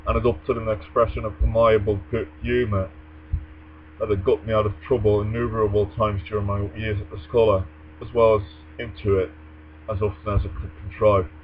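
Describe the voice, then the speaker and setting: In a brisk, low voice with little pitch movement, a young male vlogger speaks articulate, formal English. He reads aloud and tosses off casual replies to a tag challenge, and the audio comes from a dull lo-fi mic carrying mains hum.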